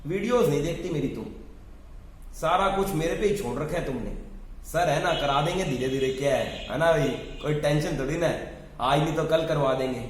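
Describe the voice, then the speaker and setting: A man's voice: a little high, a little fast, slight background noise. Blunt, scolding interview coach man. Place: home. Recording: very echoey room.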